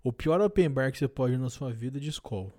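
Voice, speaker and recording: A man's voice: medium pitch, lively intonation, quick pace, darkish tone. A young man with a Brazilian Portuguese accent, co-hosting a podcast in casual, slangy, crude and joking banter full of swearing. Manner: crude, joking, profanity-laden. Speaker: podcast co-host.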